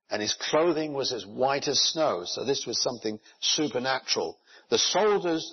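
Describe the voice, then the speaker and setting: Brief: husky-voiced male pastor, earnest explanatory sermon, muffled lo-fi sound. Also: medium pitch. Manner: earnest, explanatory, with rhetorical questions. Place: church in Japan. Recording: dull lo-fi recording.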